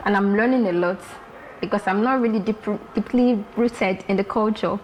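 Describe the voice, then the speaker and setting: A woman from Lagos, Nigeria, a fashion designer talking as a guest in a casual interview, lively and repeating herself for emphasis. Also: medium pitch, moderate pace, dull audio, a little hiss or hum.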